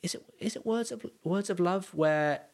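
A man's voice: high-pitched, normal speed. A man hosting a podcast, chatting casually and thinking aloud with lots of restarts. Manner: rambling, thinks aloud with many restarts and fillers. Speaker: podcast host.

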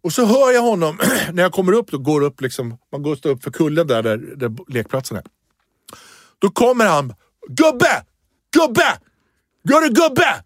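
A man tells a story in a casual chat, his voice swooping up and down as he acts out other people's shouting. He swears freely. The sound is close and dry, with no room around it. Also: fairly high pitch, very animated, no echo. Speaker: podcast co-host.

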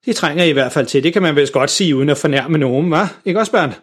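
A man's voice: on the high side, breathy edge. A man voicing a snooty, sour older woman neighbor in a children's story, talking down to everyone in a stiff, condescending way.

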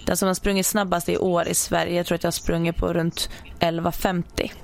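A young woman, a sprinter, chatting casually and telling stories in an animated way, acting out her own reactions. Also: on the low side, gravelly. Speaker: podcast guest, sprinter. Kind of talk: casual chat.

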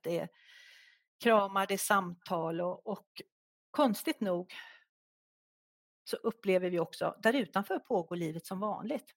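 A middle-aged woman, a guest author in an interview, telling a personal story in a soft, halting, reflective way. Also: medium pitch, gravelly, dry recording, clean studio sound.

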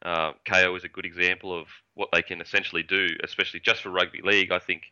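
A man's voice: deep voice, flat delivery, fast, pushed and bright, clean tone. An Australian man speaking as a podcast guest in casual interview chat, on slightly dull audio.

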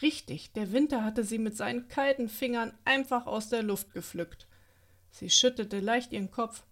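A woman narrating a scripted bedtime story for small children. Her reading is gentle and even, and her voice sits a little higher than most. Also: moderate pace.

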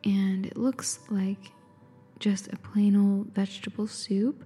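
A woman in an intimate ASMR whisper, close as if right in the listener's ear, calmly describing and reading aloud without hurry. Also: mid-range voice, slow, husky, soft background music. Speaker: ASMR host.

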